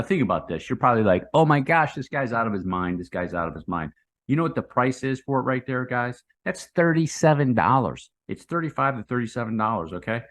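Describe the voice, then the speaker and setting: A man giving casual, unscripted chart commentary in a hyped, slangy crypto bro manner, rambling and repeating phrases for emphasis. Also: mid-range voice. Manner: hyped, slangy crypto bro talk, saying 'man', 'dude' and 'guys'.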